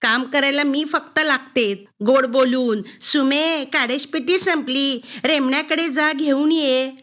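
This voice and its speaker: A woman voicing a defiant sixth-grade girl who shouts bitterly at her mother. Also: sits high, sing-song, a little slow, exaggerated voice. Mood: shrill defiance.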